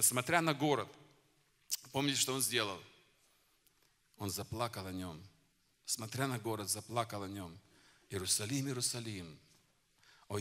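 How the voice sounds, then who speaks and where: A man's voice: mid-range voice, pushed and bright. A man preaching a sermon at a conference, exhorting his listeners fervently. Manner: fervent, exhorting address to the congregation. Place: conference hall. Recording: long hall reverb.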